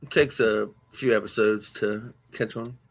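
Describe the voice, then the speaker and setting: Teasing lower-voiced co-host. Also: male voice, fairly even intonation, measured pace, vocal fry. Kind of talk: casual chat.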